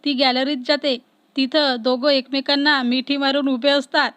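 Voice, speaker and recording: High-voiced woman narrating a story. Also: little pitch movement, moderate pace, fairly bright tone, no echo. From Maharashtra, India.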